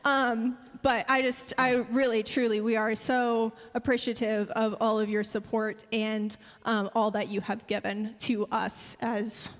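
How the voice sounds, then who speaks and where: Higher-voiced woman speaking in a reverberant hall. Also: flat delivery, a little slow, few pauses. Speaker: church speaker thanking donors. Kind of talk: informal public address to a congregation. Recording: echoey hall with long reverb.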